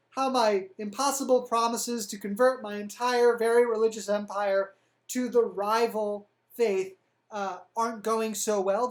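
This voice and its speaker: Flustered young emperor, male, played by a woman narrator, higher than her own voice, stammering and sarcastic. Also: echoey room, close to an everyday voice.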